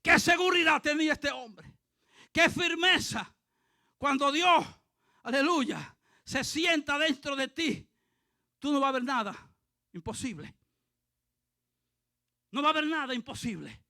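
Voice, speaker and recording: Man, pastor, fervent sermon, bright piercing tone, slow deliberate delivery, bursts of shouting. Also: very high voice, lively intonation, no echo, clean studio sound. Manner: fervent preaching with frequent hallelujahs, rising to shouts. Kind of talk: impassioned sermon.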